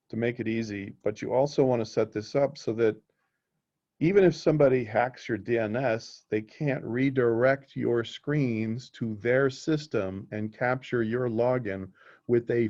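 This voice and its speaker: In a dull, lo-fi recording, a male instructor runs a live technical class in a casual style and keeps checking that students are following. His voice is mid-range with a darkish tone.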